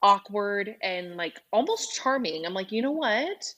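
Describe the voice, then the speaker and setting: A woman's voice: mid-range voice, expressive, measured pace, pushed and bright. A woman co-hosting a podcast in casual film chat, talking chattily and filling her sentences with "like" and "freaking". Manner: chatty, fills speech with "like", says "freaking". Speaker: podcast co-host.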